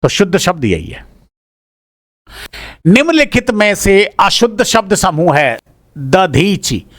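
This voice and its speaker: Higher-voiced man explaining exam answers. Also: very animated, slow, no echo, studio quality. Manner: repeats each word aloud while checking it; informal, addresses listeners as brother. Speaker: teacher. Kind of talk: exam answer-key walkthrough.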